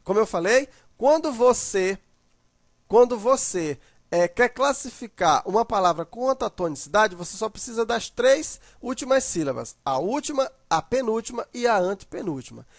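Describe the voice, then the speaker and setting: A man's voice: high voice, animated, normal speed, no echo, clean studio sound. Methodical man teaching grammar. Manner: methodical, repeats examples and checks with "né?". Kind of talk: grammar lesson.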